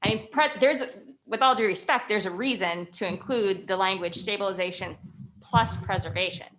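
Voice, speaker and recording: A woman at a county commission meeting, carefully reading out resolution wording slowly and clearly. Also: mid-range voice, fairly bright tone, slight background noise, rough recording. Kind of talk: public meeting discussion.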